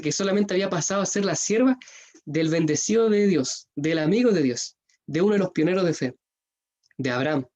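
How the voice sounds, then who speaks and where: A man with a Chilean accent preaching a sermon, earnest, rising in pitch and force when he appeals to parents. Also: darkish tone.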